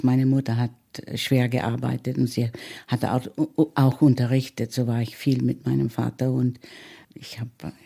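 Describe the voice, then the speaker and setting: A woman in her eighties, recalling her father in an interview, speaking slowly with many pauses and fillers. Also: very deep voice, vocal fry, warm tone. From United States. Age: 80s. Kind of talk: reminiscing interview.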